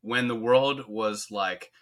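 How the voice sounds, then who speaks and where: A man's voice: lowish voice, slow, a bit bright. A man answering as a guest on a casual podcast, easygoing and reflective.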